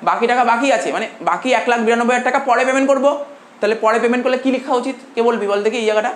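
Male commerce tutor from India, classroom lecture: slow repeated dictation and questions to the class, recorded in an echoey room with faint background hum. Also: very high voice. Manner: dictates slowly and repeats phrases, quizzing students.

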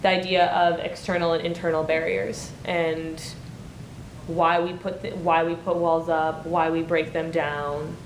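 A woman's voice: flat delivery, measured pace. A woman in her thirties, a playwright, talking through her ideas in a thoughtful, searching way with many fillers, in a small meeting room. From Michigan and Germany. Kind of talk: casual interview chat. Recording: echoey room with faint rumble.

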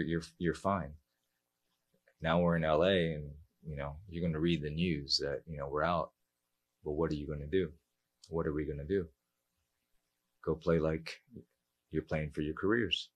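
A man in his forties, a football coach speaking at a post-match press conference into a table mic, measured and reflective with many fillers. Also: very deep voice. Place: press room.

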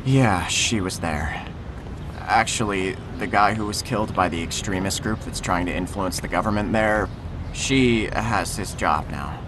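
In an audio drama, a man voices an easygoing, protective teenage boy, sounding casual, hesitant and reassuring. His voice sits low and unhurried, and there's background noise in this naturalistic, conversational acting.

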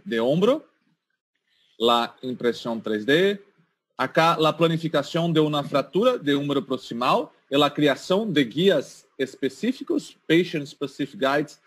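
A man from southern Brazil with a Brazilian Portuguese accent gives a medical presentation, mixing Portuguese words into his Spanish and repeating words as he searches for them. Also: medium pitch. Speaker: guest speaker, orthopedic shoulder surgeon.

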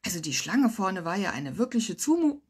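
A woman's voice: sing-song, normal speed, slightly rough, heavily acted. A woman voicing an eager, rambling older woman at a public pool who chatters on and on. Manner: gushing, rambling, high-pitched squeals.

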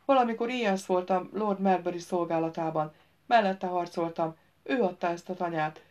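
A woman reading an audiobook and voicing a loyal former archer turned farmer, earnest and steady. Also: lowish voice, close to an everyday voice. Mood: resolute.

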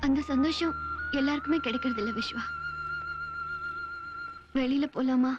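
A young woman raised in wealth, defiant toward her drunk father and quietly sad. Her voice is high, and clear music plays beneath the scene. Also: huge pitch swings, normal speed, muffled recording. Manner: earnest, pleading with her father. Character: rich man's young daughter, defiant, sad. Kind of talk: film dialogue.

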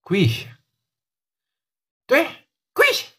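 A man's voice: drawn-out words, pushed and bright. A man doing a sneering gang boss. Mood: domineering. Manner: taunting, bossy and crude. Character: swaggering middle-aged male gang boss, mocking and domineering.

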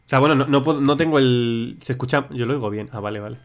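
A man's voice: medium pitch, fast talker. Chatty young man streaming. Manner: chatty, rambling, with frequent restarts and swearing. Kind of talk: casual livestream chat reading viewer suggestions.

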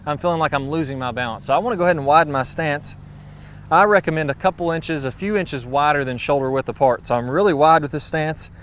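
A man, giving a brisk, friendly golf lesson outdoors on a putting green, recorded on a lapel mic. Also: a little high, fairly bright tone, slight background noise. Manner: brisk, friendly, practical coaching. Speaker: golf instructor.

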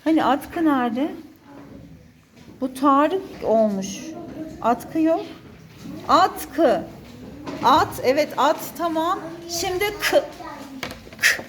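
A woman's voice: sits high, lively intonation, takes it slowly, long pauses, crowd noise. A woman teacher dictating to young children, repeating words and single sounds and encouraging them with endearments. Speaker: primary school teacher.

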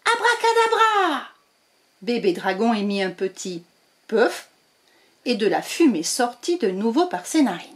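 Unhurried, lively woman storyteller. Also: medium pitch. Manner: slow, expressive read-aloud. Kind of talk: children's storybook reading.

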